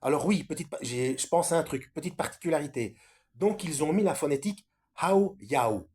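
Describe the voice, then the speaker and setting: A man's voice: fairly high pitch, lively intonation, normal speed, a little mellow, breathy edge. A man giving a casual solo talk on scripture for a video, hesitant and full of fillers and self-corrections. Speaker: Bible study video maker.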